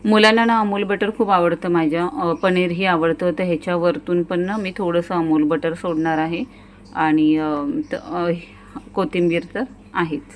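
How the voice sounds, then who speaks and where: Chatty low-voiced home cook. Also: female voice, fairly even intonation, unhurried, a little hiss or hum. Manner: homely, chatty, addresses viewers directly with frequent "ना". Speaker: home cooking channel host. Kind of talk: casual cooking demonstration voice-over.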